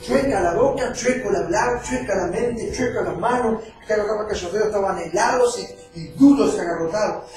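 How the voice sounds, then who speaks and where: A high-voiced man preaches, weaving personal testimony into his sermon with heartfelt storytelling. His voice sounds distant from the mic and bounces around a very echoey hall. Faint music plays underneath. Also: moderate pace, darkish tone. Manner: emotional storytelling preacher, acting out quoted voices. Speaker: evangelist.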